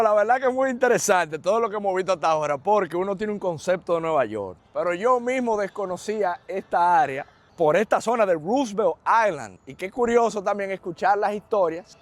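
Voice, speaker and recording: A man, a vlog host, talking thoughtfully to camera. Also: high-pitched. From Dominican Republic. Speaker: vlogger host. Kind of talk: reflective talk to camera.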